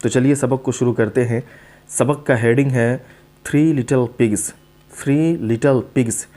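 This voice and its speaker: A man teaching English vocabulary to students, reading a story line by line and explaining each word slowly and with repetition. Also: mid-range voice, fairly even intonation, mellow. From South Asia. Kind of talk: teaching English to Hindi speakers.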